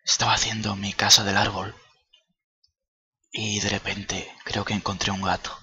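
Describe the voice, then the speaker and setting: A man's voice: lowish voice, flat delivery, moderate pace, sharp tone, slightly rough, no room sound, muffled recording. A young man giving playful, swearing gameplay commentary, often dropping to a coaxing near-whisper. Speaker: gaming YouTuber.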